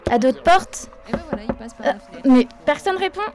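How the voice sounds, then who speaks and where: A woman telling a game as a present-tense story in a lively, casual way. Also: sits high, takes it slowly.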